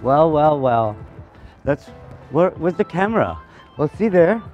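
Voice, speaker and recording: Recorded outdoors on a camera mic, a playful Spanish-speaking man chats and laughs a lot during a casual interview on city streets. His fairly high voice is sing-song and unhurried; the audio is muffled, with soft music in the background.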